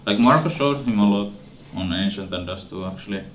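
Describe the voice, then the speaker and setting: A young man talks in a low, playful way, laughing between quick remarks. He sounds far from the mic in an echoey room, with steady noise behind him. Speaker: esports player. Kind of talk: casual team chat.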